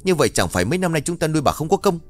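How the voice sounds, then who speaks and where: A man's voice: on the high side, very animated, faint music behind, pitched above the performer's own voice. A man voicing a greedy young wife who nags her husband in a raised, reproachful voice. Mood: scolding. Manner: nagging, reproachful, fast and raised.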